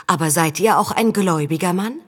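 A woman voicing a quick-witted young female street performer with loud, showy stage patter. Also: fairly low pitch, slightly rough, in a large hall. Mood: coaxing.

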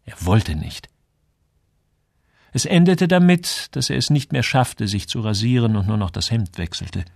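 Expressive male storyteller, dry sound. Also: medium pitch, unhurried, gravelly, no echo. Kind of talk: scripted narration.

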